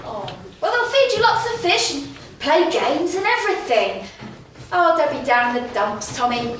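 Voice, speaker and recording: A woman's voice: sits high, big pitch swings, normal speed, a bit bright. A woman playing an earnest, kindly young hero in a stage pantomime, apologetic and coaxing. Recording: echoey noisy hall from far off.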